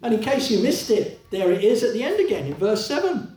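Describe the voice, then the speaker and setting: A man preaching a sermon in a church, conversational and lively, with many rhetorical questions to the congregation. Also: high-pitched, brisk. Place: church hall. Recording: echoey hall, voice from a distance.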